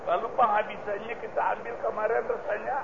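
A man's voice: high voice, little pitch movement, quick pace. A man teaching a religious study lesson on a hadith text, emphatic and asking and answering his own questions. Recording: muffled lo-fi recording with clear background noise.

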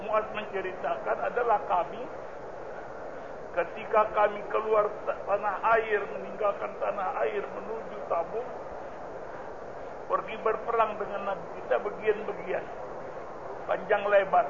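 A man's voice: high-pitched, steady tone, a little slow, pauses often. A man teaching a religious study lesson on a hadith text, emphatic and asking and answering his own questions. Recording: muffled lo-fi recording with clear background noise.

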